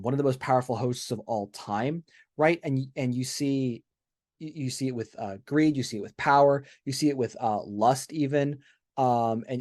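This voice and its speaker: Man, mid-pitch, chatty podcast co-host, enthusiastic with restarts. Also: darkish tone. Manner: enthusiastic, many restarts and "right?" asides. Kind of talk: casual podcast discussion.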